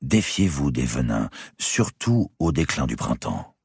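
A man voicing a cautious older male court astrologer who speaks slowly and carefully, with a husky voice. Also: very deep voice, big pitch swings, a little mellow, no room sound, clean studio sound, heavily acted. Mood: measured. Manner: slow, measured, careful.

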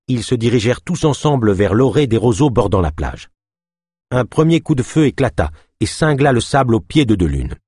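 A man's voice: lowish voice, a little mellow, breathy edge, no room sound, clean studio sound. A man narrating an adventure story as an audiobook, reading expressively.

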